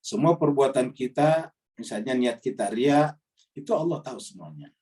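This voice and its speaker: A man's voice: normal speed, distant mic. A man preaching to a congregation, reciting Arabic verses and explaining them, his voice jumping up on rhetorical questions. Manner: lively, rises in pitch on questions. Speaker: Islamic preacher. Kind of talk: Quran study sermon.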